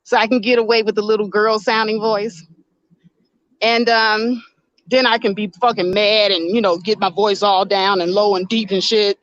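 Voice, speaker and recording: On a casual livestream, a female host with a powerful, mid-range voice argues bluntly and responds to comments she reads from chat. Her tone is steady and her pace moderate, and the audio is dull with no echo.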